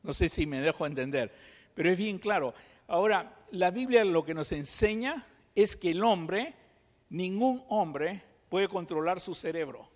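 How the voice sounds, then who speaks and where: A man from Peru with a Peruvian Spanish accent, preaching a sermon and teaching through lively examples and rhetorical questions. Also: high voice, measured pace. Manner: animated storytelling, acts out examples, rhetorical questions. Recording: long hall reverb.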